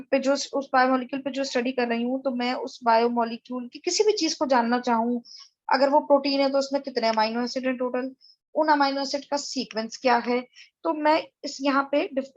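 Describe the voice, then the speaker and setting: A woman with a high voice walks through a tutorial lecture, explaining each step to her viewers. Her voice is close and dry, with a dull, lo-fi quality to the recording. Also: no echo.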